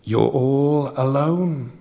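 Guy doing a big whispery troll, slow and creepy, wants to eat you. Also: medium pitch, warm tone. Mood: taunting. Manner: slow, menacing. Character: huge menacing male troll, whispery and hungry.

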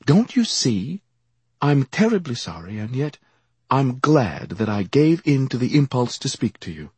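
A man's voice: medium pitch, sing-song, unhurried, darkish tone, husky, no room sound, pitched above the performer's own voice, exaggerated voice. A man voicing a nervous, guilt-ridden wealthy young man who stammers and pleads earnestly.

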